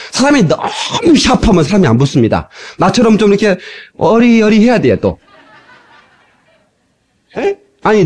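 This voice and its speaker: Fiery, animated male preacher. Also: high voice, husky. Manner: emphatic, shouting exhortations, acting out voices, bursts of laughter. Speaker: pastor. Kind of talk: fiery sermon. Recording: old cassette tape transfer.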